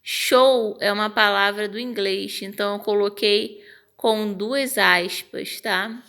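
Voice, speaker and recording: A woman's voice: medium pitch, slow. A woman teacher with a Brazilian Portuguese accent, patiently explaining punctuation step by step and acting out example phrases. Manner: acts out example phrases with lively intonation. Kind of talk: online grammar lesson.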